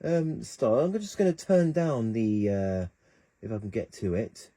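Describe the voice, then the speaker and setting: A man's voice: lowish voice, measured pace, warm tone. A man hosting a keyboard tutorial, chatting casually and thinking aloud as he works the controls. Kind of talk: casual instructional demo.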